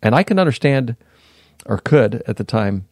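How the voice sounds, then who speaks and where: Gravelly-voiced man telling a story. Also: medium pitch, sing-song, a little mellow, no room sound, clean studio sound. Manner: reflective, unhurried, often pauses and restarts mid-sentence. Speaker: podcast guest. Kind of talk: casual interview storytelling.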